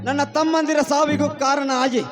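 A man playing a high-voiced avenging hero. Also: fairly even intonation, moderate pace. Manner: forceful accusing stage declamation. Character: righteous avenging younger brother, hero. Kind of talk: stage drama acting. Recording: stage music behind.

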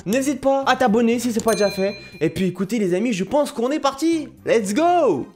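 A man hosting a casual gaming video, excitable and slangy, laughing often. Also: extremely high pitch, brisk, soft background music. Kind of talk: casual reaction commentary.

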